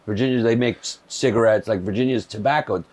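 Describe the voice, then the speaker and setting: A man's voice: lowish voice, fast, a little mellow. A man in casual chat who keeps asking questions and cracking jokes. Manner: asks questions, jokey. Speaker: comedian guest. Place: shed with cigars.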